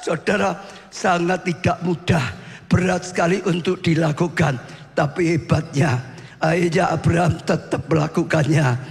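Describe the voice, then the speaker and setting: A man preaches in a high-pitched voice, retelling a story dramatically and often swelling into shouts. His voice rings out with a long hall reverb, as in a large church. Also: fairly even intonation, moderate pace, creaky. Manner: addresses listeners as saudara. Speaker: pastor. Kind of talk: sermon storytelling.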